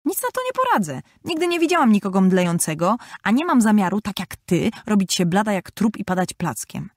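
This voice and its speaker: A woman voicing a vain, prim youngest sister with a high, affected girlish voice. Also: big pitch swings, a little fast, dry recording, studio quality. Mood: indignant.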